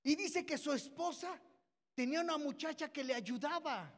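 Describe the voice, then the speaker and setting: A man's voice: very high voice, expressive, moderate pace, fairly bright tone. A man preaching a sermon, retelling Bible stories in a storytelling manner and calling his listeners brothers. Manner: storytelling, repeats "dice que", addresses listeners as brothers. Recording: long reverb of a hall.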